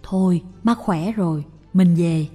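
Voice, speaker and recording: A woman voicing a frail elderly mother who speaks softly and firmly. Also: fairly low pitch, a little slow, breathy edge. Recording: long reverb with faint music.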